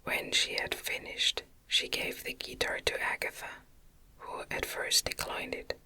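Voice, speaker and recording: A woman reads a gothic novel aloud as an audiobook, whispering in a gentle, breathy ASMR style close to the microphone. Her phrasing is careful and her pace measured.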